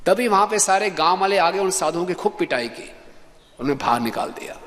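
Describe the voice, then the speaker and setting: A man gives a lively sermon to a gathered audience, slipping into quoted voices as he tells his stories. His voice sits a little high for a man. The recording carries the long reverb of a large hall. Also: a little fast. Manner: animated storytelling, acts out quoted voices, laughs with the audience. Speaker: preacher giving a scripture class.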